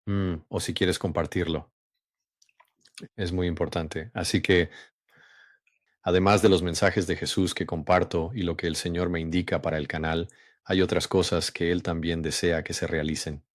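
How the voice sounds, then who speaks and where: Man, very low voice, even and monotone, calm religious monologue, dry close sound. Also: no echo. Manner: calm, measured, with frequent hums and pauses. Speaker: host of a religious channel. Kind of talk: unhurried religious monologue and reading aloud.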